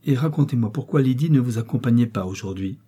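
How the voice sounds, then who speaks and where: A man's voice: medium pitch, quick pace, warm tone, breathy edge, natural voice. A man voicing a haughty, wounded prince in a novel reading, speaking in a cold, commanding, sarcastic way. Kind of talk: audiobook character reading.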